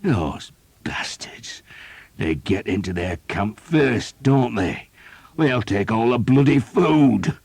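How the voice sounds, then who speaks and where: A man voicing a rough, weary captain of archers who swears bluntly. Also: fairly low pitch, unhurried, hardly any pauses, darkish tone, no echo, pitched above the performer's own voice. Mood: gruff. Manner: coarse, swearing.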